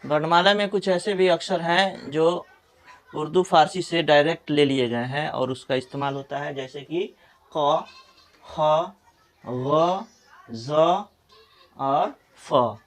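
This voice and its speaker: A middle-aged man with a Bihari Hindi accent teaching pronunciation, saying example words slowly one at a time. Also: fairly high pitch. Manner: slow, deliberate, repeats example words one by one. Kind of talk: pronunciation lesson.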